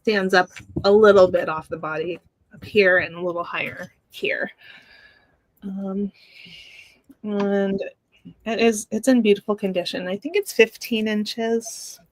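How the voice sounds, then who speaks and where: Woman host, casual live-sale chat, slow and halting, close dry mic. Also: medium pitch, steady tone, no echo, poor audio. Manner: unhurried, halting, with many fillers and restarts.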